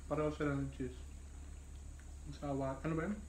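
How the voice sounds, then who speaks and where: A low, deep-toned woman with a Filipino accent talks through a mouthful of food in short teasing remarks. Her voice rings in an echoey room, with faint background ambience. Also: level tone, a little fast, a little mellow, a little hiss or hum. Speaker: companion tasting food. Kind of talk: casual chat.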